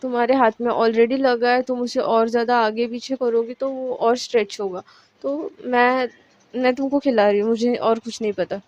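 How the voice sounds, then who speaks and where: A woman's voice: fairly high pitch, steady tone, normal speed, darkish tone, lo-fi sound, lightly acted. A woman voicing a caring, insistent young woman who scolds her partner lovingly. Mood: insistent, scolding.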